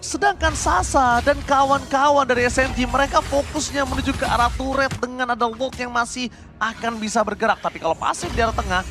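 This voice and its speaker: A man with an Indonesian accent calling live esports play-by-play as an excited fighting game announcer. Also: extremely high pitch, a little fast, music in the background. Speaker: esports shoutcaster.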